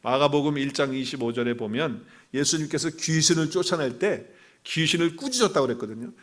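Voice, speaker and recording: A male pastor preaches in a church sanctuary, his voice sitting a little high for a man. He swings between loud exclamations and quiet asides, puts questions to his listeners and acts out the lines he quotes. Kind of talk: sermon. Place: church sanctuary, livestreamed service.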